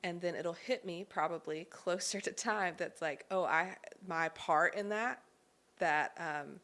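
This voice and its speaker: A woman's voice: fairly low pitch, measured pace, fairly bright tone. A young pregnant woman, a singer, answering interview questions openly and thoughtfully, a little out of breath. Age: young adult. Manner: open, thoughtful, light laughs, many ums. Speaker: guest, singer. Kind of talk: interview conversation.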